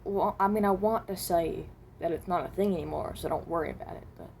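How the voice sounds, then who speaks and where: Playing a mild-mannered, hesitant visitor from another dimension, a woman delivers improvised in-character lines in a dark, mellow, fairly low voice with vocal fry. She speaks haltingly, trailing off and rephrasing, sounding uneasy and evasive, on an amateur recording with slight background noise.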